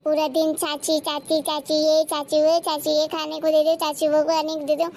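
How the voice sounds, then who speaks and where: A young aunt from a cartoon story, newly married into the family, voiced by a woman. She talks in a sharp-tongued, complaining way. Her voice is high. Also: completely flat delivery, moderate pace. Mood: resentful. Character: young aunt, new bride, turns resentful and harsh. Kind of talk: cartoon voice acting.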